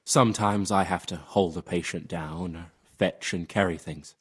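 A humble helper monk in a medieval game. The voice is low and husky, plain and modest. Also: male voice, fairly even intonation, normal speed. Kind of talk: video game dialogue acting.

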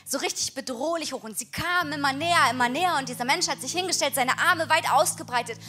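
An earnest, encouraging woman preaches during a church worship night and reads scripture aloud. Her voice sits high and sounds bright and clear. Soft music plays quietly behind her. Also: quick pace. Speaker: worship leader.

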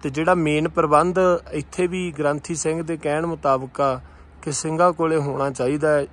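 A man's voice: fairly high pitch, fairly even intonation, moderate pace. A man from Punjab narrating a travel vlog outdoors in the mountains, telling a temple story reverently and praising the scenery with enthusiasm. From Punjab, India. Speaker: travel vlogger.

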